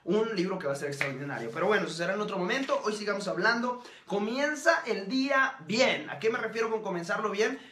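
A man's voice: sits high, lively intonation, quick pace, few pauses, sharp tone, reverberant. A man giving a live motivational talk, emphatic and preachy, speaking straight to his listeners and answering their comments.

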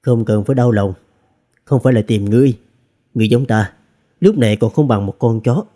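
A man's voice: medium pitch, a little fast, warm tone, natural voice. A man voicing a wry male cultivator consoling a friend, in an audiobook reading.

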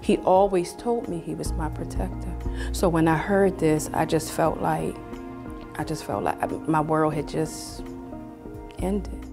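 A woman in her fifties speaking quietly and haltingly in an emotional TV interview. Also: deep voice, fairly even intonation, creaky, over music. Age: 50s.

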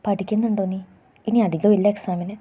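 A woman voicing a gentle young auto driver. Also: mid-range voice, fairly even intonation, a little fast, husky, natural voice. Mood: reassuring. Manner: quiet, reassuring, tender.

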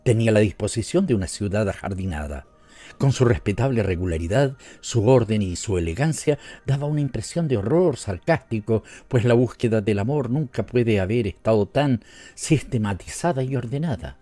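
A man with a Latin American Spanish accent narrating an audiobook story in a measured, even way. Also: lowish voice, no room sound. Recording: soft music underneath.

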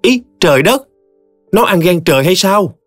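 Brief: male narrator voicing a fiery elderly mother with a Southern Vietnamese accent, high and animated, in a dry audiobook read. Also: moderate pace, no room sound, soft background music. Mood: angry. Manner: exclaiming, fiery. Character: hot-tempered elderly mother, woman.

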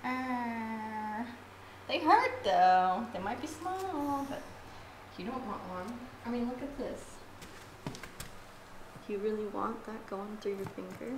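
A home renovation vlogger in her thirties, tired from work, chats playfully while fixing up an empty house, holding the camera close to film herself in casual narration. Her voice is fairly high with lively intonation, slow and full of pauses. The empty room echoes, with music and other background noise.

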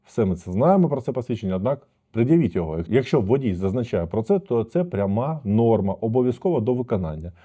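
A man, a lawyer, commenting on a dashcam video and calmly explaining to viewers what went wrong. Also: mid-range voice, husky. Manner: measured, explanatory, addresses viewers as friends.

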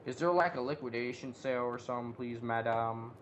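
Over a muffled lo-fi mic with background noise, a man talks fairly quickly at a medium pitch while playing a co-op video game. He chats casually, using slang and swearing, and blurts out reactions to whatever he discovers.

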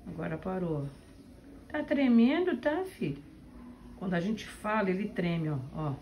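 A woman's voice: medium pitch, expressive, unhurried, darkish tone, slight background noise. A woman who owns the dogs, talking to her pets in coaxing baby talk in a casual home video. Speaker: dog owner.

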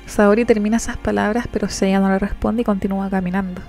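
A woman's voice: medium pitch, quick pace, faint music behind. A woman narrating a comic-book story, retelling the scenes and setting up each character's lines. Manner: lively retelling, sets up each quote.

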